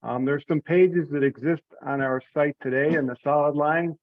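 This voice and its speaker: A man walks through slides on a telecon, hesitant and thinking aloud as he goes. He speaks at a moderate pace in a slightly high, fairly even voice with no room sound, carried by a thin, tinny conference line.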